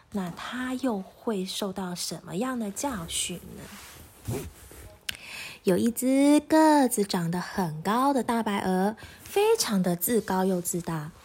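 A woman teacher reading a children's story aloud in a gentle, clearly paced way. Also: mid-range voice.

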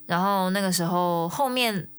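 A woman casually telling a personal story, trailing her phrases with soft fillers. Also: lowish voice, normal speed, clear, resonant tone. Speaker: singer-songwriter.

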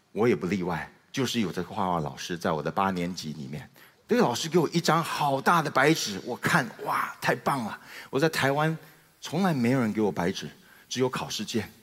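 A middle-aged man speaking Mandarin with a Taiwanese accent tells a comic personal story with lively timing and acts out each scene. His voice sits at an ordinary pitch for a man. The sound carries a long reverb from a large hall. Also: fairly quick, husky. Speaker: guest speaker sharing his testimony. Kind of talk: humorous personal testimony talk.

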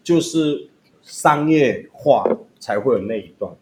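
Teasing man, lively pitch. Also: slight background noise, low-quality recording. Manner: teasing, quick banter. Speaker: podcast co-host. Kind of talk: casual chat.

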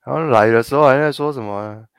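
Animated Taiwanese Mandarin man, dry sound. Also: mid-range voice, quick pace, clean tone, no echo. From Tainan, Taiwan. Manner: animated storytelling with mock-quoted voices. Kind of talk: casual chat.

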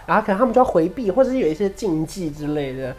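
A woman hosting an interview who listens with many short acknowledgments and asks gentle questions. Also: lowish voice, sing-song, very fast, over loud music. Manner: supportive, frequent short acknowledgments. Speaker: interviewer host. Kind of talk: casual interview.

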